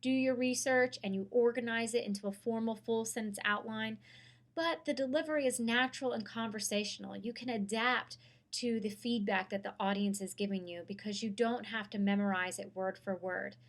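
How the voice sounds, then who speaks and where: A woman, a public speaking instructor giving a clear, measured course lecture. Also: a little high, fairly even intonation.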